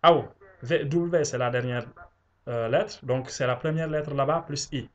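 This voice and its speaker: A man's voice: medium pitch, unhurried, muffled recording, slight background noise. A man from Senegal, giving a spoken grammar lesson. He explains step by step, repeats each example and often restarts with fillers. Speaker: language teacher.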